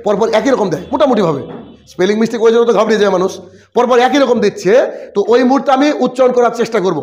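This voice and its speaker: বাংলাদেশি উচ্চারণের একজন পুরুষ ইংরেজি শিক্ষক, যিনি বারবার প্রশ্ন করে আর কথা পুনরাবৃত্তি করে বানানের নিয়ম পড়ান।. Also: male voice, high-pitched, darkish tone. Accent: Bangladeshi Bengali. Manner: repetitive, quizzing students with quick questions. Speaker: English teacher. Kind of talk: classroom spelling lesson.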